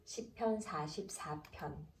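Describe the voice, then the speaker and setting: A woman announcer reading the Bible aloud in a calm, measured way, slowing down for the chapter headings. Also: low voice, faint music behind. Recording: roomy echo, distant from mic, faint background noise.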